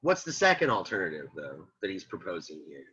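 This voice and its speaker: A man lectures a philosophy class in a bright, forceful voice with a husky edge. He repeats points and throws questions at the students. The lo-fi recording sounds dull. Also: low-pitched, fairly quick. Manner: animated, repeats himself, rhetorical questions to students. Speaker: philosophy teacher. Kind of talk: classroom lecture reading and explaining a text.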